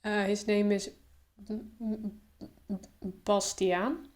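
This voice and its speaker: The speaker is a young woman video creator talking casually to camera in a mid-range voice. Her stutter is out in the open, with repeated sounds and pauses, until she settles into an easy, slow pace.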